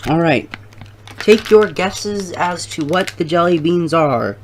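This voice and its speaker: Slow, halting challenge video host. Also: medium pitch, lively intonation, slight background noise. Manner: halting, thinking aloud. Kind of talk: casual commentary to viewers.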